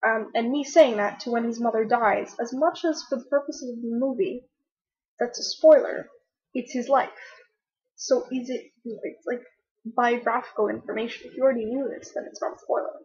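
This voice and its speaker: A woman's voice: on the high side, fairly even intonation, normal speed, darkish tone, husky. A young woman vlogging casually from home, rambling chattily with lots of fillers and restarts, recorded on a laptop webcam. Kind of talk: casual chat to camera. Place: at home, laptop on her knees. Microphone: laptop webcam mic. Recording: dull lo-fi webcam audio.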